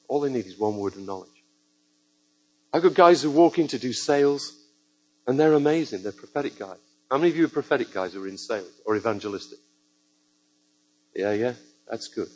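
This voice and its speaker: A man's voice: medium pitch, slight background noise, low-quality recording. A man preaching a sermon to a church congregation, telling stories with joking asides. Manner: lively storytelling with joking asides.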